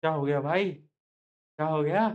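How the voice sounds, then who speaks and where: A man's voice: fairly high pitch, a little slow, muffled recording. A man teaching a live online science class in Hindi, chatty and teasing his students, slipping into English terms.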